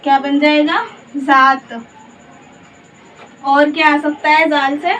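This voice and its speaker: A woman teaching a slow Urdu spelling lesson. She says each letter in turn, then reads out the whole word, and she asks the learner questions along the way. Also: sits high, little pitch movement, a bit bright. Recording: dull, muffled audio from a distance with faint background hiss.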